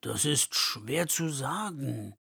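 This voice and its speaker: A cautious young elephant speaks in slow, deliberate words, as a man puts him on. The voice has a slightly gravelly edge and a close, dry sound. It is a storybook hero who is careful but speaks up. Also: a little high, big pitch swings, pushed and bright, no room sound, full character voice.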